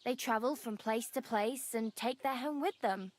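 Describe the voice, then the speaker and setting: A woman's voice: a little high, moderate pace, natural voice. An actress playing a cheerful, chatty young female wanderer in a game. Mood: friendly. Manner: friendly, chatty, laughs easily.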